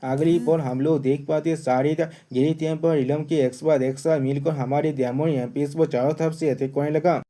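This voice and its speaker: A man's voice: on the high side, dark tone. A man narrating a manga recap in a casual, chatty way, often talking straight to his viewers as friends. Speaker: manga explainer.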